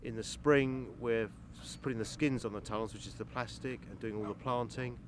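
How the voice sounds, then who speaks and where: A man who manages a farm, talking loudly and enthusiastically in an outdoor interview, often restarting his sentences. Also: mid-range voice, steady tone, a little fast. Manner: enthusiastic, loud, rambling with restarts. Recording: noisy outdoor background.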